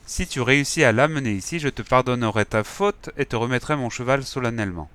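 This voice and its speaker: A man voicing a stern, possessive old king in a storybook reading, speaking slowly and emphatically. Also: mid-range voice, fairly bright tone, natural voice.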